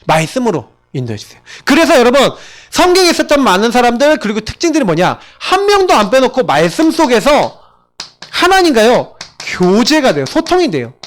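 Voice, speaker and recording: A man's voice: very high-pitched, brisk. A male pastor preaching a sermon in a church, asking his congregation question after question. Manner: animated, asks the congregation rhetorical questions.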